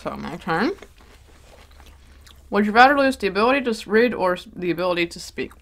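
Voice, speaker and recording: Her voice is medium in pitch, a bit bright, sing-song, and fairly quick as she hosts an easygoing eating show. The mukbang host chats and laughs, tripping over her words from time to time.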